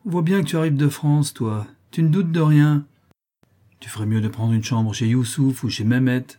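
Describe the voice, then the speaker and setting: A man's voice: mid-range voice, normal speed, dark tone, pitched above the performer's own voice, lightly acted. A man reading an audiobook, voicing a blunt, grumbling older uncle.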